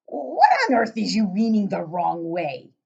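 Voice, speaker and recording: A woman voicing a big friendly old giant in a children's storybook, booming, emphatic and muddling words. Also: lively intonation, vocal fry, a little mellow, slightly rough, muffled recording, heavily acted. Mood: indignant. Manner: booming, emphatic, drawn-out exclamations. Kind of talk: children's storybook read-aloud.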